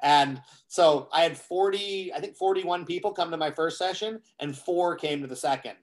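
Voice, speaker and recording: A man telling stories in a casual live-show conversation, acting out quoted dialogue and often pausing on fillers. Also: fairly high pitch. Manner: storytelling, acts out quoted dialogue with many fillers. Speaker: guest speaker on cybersecurity.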